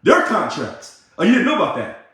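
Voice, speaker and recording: A man with a high, swooping voice rants sarcastically. He repeats himself and bursts into shouting now and then. The recording is heavily echoey, as if made in a bare room. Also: huge pitch swings, fairly quick. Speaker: ousted union leader. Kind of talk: ranting monologue.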